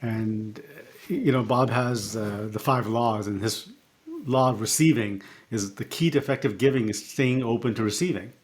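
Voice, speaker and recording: Middle-aged guy on a podcast, thoughtful storyteller, lots of ums and restarts, average pitch. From born in Africa, raised partly in Canada. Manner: reflective, halting with fillers and restarts. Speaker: podcast guest, coach.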